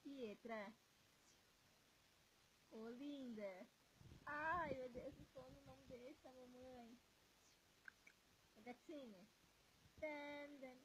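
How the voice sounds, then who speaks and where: A woman's voice: sits high, extremely slow, pauses often, noisy background. A woman, a mother, talking to her sleepy baby in cooing, sing-song baby talk.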